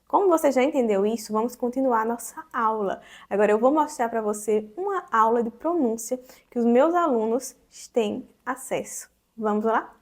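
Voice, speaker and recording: A woman, teaching an online French pronunciation lesson and repeating words clearly for students to echo. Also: a little high, expressive, moderate pace.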